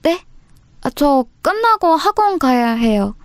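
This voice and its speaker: A woman's voice: high voice, big pitch swings, slow pace, no room sound, clean studio sound, pitched above the performer's own voice, exaggerated voice. A woman voicing a frightened teenage schoolgirl who pleads timidly, in an audio story. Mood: timid pleading.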